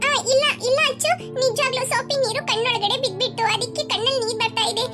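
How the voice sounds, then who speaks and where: Meek, gentle, mistreated cartoon girl, voiced by a woman; very high and soft, loud score underneath. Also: fast talker. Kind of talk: cartoon voice acting. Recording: loud background music.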